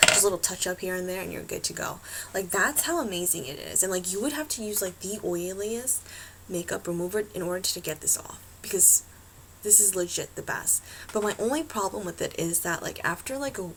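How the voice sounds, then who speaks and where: A woman's voice: fairly low pitch, expressive, fairly quick, gravelly, a bit bright, a little hiss or hum, rough recording. A woman chatting casually to her laptop webcam at home, rambling, swearing freely and filling her talk with "like" and "um". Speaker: beauty vlogger. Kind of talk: casual chat to camera.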